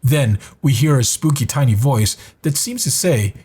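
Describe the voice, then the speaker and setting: Husky man narrating a countdown. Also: medium pitch, animated, moderate pace, dark tone. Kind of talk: scripted narration.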